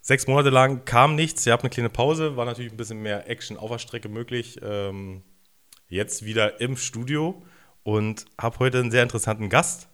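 A man's voice: mid-range voice, fairly even intonation, normal speed, fairly bright tone. A man hosting a podcast, asking questions in a casual, teasing and joking way. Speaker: podcast host.

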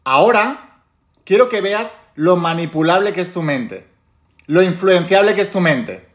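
Man, accent from Spain, somewhat high voice, emphatic talk to viewers, repeats key words. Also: lively intonation, a little slow. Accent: Spain Spanish. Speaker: spiritual self-help teacher.

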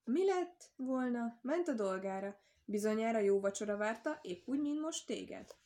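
A kindly old man in a storybook, answering a child in a gentle, fond way, put on by a woman reading aloud. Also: on the high side, expressive.

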